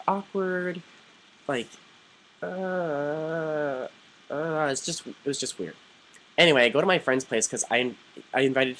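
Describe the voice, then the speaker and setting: A young man vlogging, telling a story casually to the camera with many "like"s and animated quoted voices. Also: mid-range voice, a little hiss or hum, rough recording. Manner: chatty, animated, quoting others in lively put-on voices, frequent "like".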